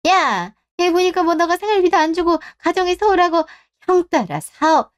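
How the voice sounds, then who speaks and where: A woman's voice: very high voice, animated, normal speed. A woman voicing a blunt, worried middle-aged mother who scolds her son in a radio drama. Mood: scolding. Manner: scolding, exasperated questions.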